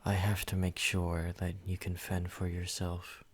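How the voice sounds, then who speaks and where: In an ASMR roleplay, a man voices a possessive yandere vampire, obsessive and menacing, with a deep, slow, monotone voice carrying a breathy edge. The mood is intimate, and his soft, controlling delivery keeps slipping into whispers.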